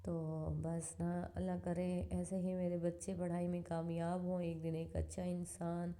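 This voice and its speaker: Woman, 30s, family vlogger voice-over, low and flat delivery, dark mellow timbre. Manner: soft, steady, conversational storytelling. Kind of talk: casual voice-over narration of home video.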